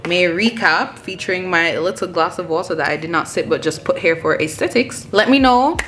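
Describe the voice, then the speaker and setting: A woman in her twenties with a Jamaican accent, chatting casually through a monthly recap vlog in an animated, rambling way. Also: fairly low pitch, brisk. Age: 20s. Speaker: vlogger.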